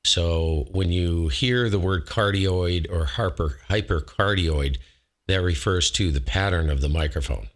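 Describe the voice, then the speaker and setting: A low-voiced man talks through a microphone demo at a measured pace for his ham radio show, broadcasting casually from his home shack on a close dynamic studio mic. His manner is folksy and rambling, with frequent self-corrections.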